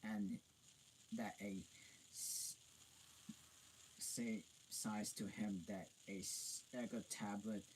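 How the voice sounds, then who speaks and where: A man reading a storybook aloud, slowly and haltingly, stumbling and restarting as he goes. His voice sits low, and a faint hiss runs underneath. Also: steady tone, a little mellow, poor audio. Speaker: reader.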